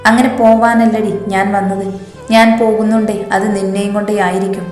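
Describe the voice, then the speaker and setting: A woman's voice: medium pitch, level tone, fairly quick, darkish tone, natural voice. A woman voicing an obsessive young man, a villain who pleads and threatens, in a roomy recording with faint music. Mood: menacing. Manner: pleading then menacing.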